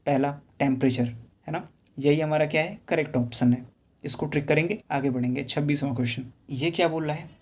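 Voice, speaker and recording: A man teaching physics for exam prep, reading English questions slowly and explaining step by step with rhetorical questions. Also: a little high, fairly even intonation. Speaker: physics tutor.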